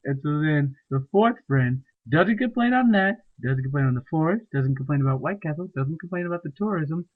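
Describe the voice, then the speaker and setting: A man's voice: fairly high pitch, expressive, a little fast, hardly any pauses. A man telling comic stories as a profane, mocking rant. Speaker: storyteller. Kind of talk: comedic ranting monologue. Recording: tinny phone-like recording.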